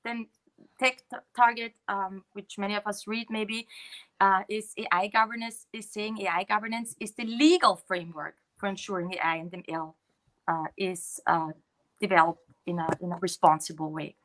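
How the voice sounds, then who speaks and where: A woman's voice: medium pitch, steady tone, normal speed, a bit bright. German-accented woman presenting slides. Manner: explanatory, many fillers and restarts. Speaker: guest speaker. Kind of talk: slide presentation on a video call.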